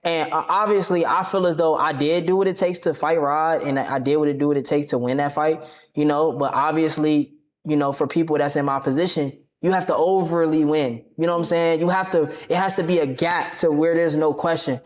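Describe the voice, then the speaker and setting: Brief: young male streamer guest, lively slangy delivery, mid-pitch. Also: brisk. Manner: animated, confrontational, slangy. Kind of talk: casual interview talk.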